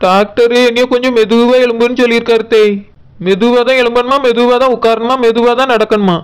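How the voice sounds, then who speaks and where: A woman's voice: a little high, steady tone, quick pace, smooth, voice pushed down, natural voice. A woman voicing a whiny, complaining pregnant young daughter-in-law in a cartoon, speaking with a Tirunelveli Tamil accent. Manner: complaining, whining.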